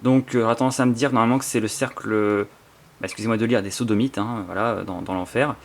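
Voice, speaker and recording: A gravelly, fairly low voice with a steady tone belongs to a fast-talking YouTuber with a French accent presenting his book collection. He casually and excitedly unboxes a book and thumbs through it in a spontaneous, rambling chat packed with fillers and restarts.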